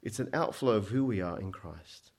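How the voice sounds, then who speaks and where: A man born in Egypt preaching a sermon. He speaks emphatically, climbs to loud peaks and drops low, and often stammers into restarts. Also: animated, normal speed, slightly rough.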